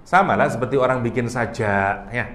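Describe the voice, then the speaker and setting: A man's voice: mid-range voice, brisk, fairly bright tone. Man teaching Quran study in echoey room. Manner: explains with everyday comparisons, chuckles at own jokes; stumbles and restarts words. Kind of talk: relaxed religious study talk.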